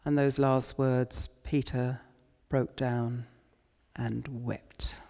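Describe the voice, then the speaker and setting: A male preacher delivers a sermon in a slow, deliberate cadence, reflecting on scripture as he goes. His voice rings out with a long church reverb. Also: mid-range voice, level tone, gravelly, warm tone. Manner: unhurried, reflective retelling of scripture.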